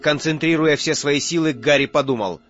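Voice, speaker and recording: A man's voice: on the high side, normal speed, fairly bright tone. A man reading an audiobook as narrator in a tense, dramatic way. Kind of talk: scripted narration. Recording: muffled audio with faint music.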